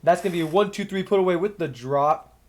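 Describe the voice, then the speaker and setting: Talking fast in a high-pitched, darkish voice, this young man sounds slightly nasal and blocked up from a cold. He provides casual solo play-by-play of a match, thinking out loud between points.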